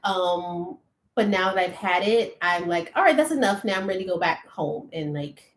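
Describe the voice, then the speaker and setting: A woman's voice: fairly low pitch, fairly even intonation, moderate pace, reverberant. A woman co-hosting a live chat, asking questions and laughing a lot. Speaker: co-host of a live chat show. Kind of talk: casual chat.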